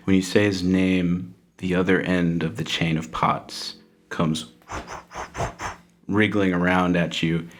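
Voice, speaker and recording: A man's voice: low-pitched, flat delivery, slow pace, pauses often. A man narrating a tabletop role-playing game as game master. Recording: roomy, echoing sound.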